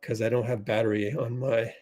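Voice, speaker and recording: Flustered livestream host doing play-by-play. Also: male voice, mid-range voice, level tone, a little fast, a little mellow. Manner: flustered, rambling, many fillers, talks to himself while fixing tech.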